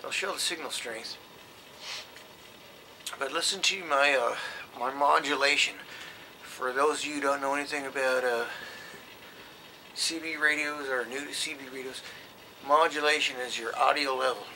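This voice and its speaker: Casting: male hobbyist presenter, very sharp bright voice, informal explainer, faint noise behind. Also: medium pitch, steady tone, moderate pace, pauses often, rough recording. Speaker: presenter explaining CB radio gear.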